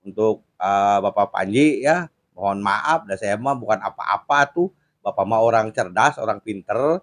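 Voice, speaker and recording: A man's voice: fairly low pitch, measured pace. A man hosting a casual commentary chat, explaining points patiently and laughing at his own jokes. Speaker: host.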